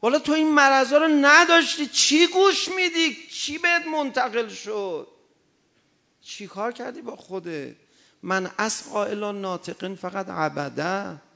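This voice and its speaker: Male preacher, gravelly, high-pitched, impassioned delivery swinging loud to soft. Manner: impassioned, swings from loud exhortation to quiet anecdote. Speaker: cleric. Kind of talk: sermon.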